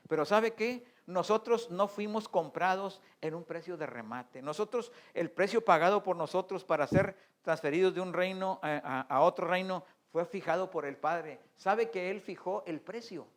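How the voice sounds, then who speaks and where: Earnest man preaching a streamed sermon. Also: a little high. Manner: earnest preaching with frequent restarts and stammered words. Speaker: pastor. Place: church service streamed online.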